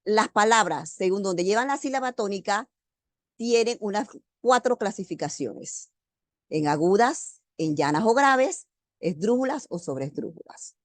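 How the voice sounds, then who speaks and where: A woman teacher giving an online grammar lecture, speaking slowly and deliberately and stressing key words. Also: medium pitch, animated, no room sound. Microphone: video call.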